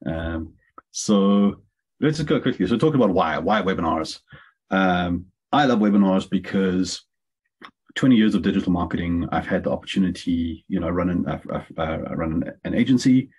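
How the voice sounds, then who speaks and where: Male host, deep and very husky, upbeat and chatty, video-call sound. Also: expressive, normal speed, darkish tone. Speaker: webinar host and marketing consultant. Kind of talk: casual live training session.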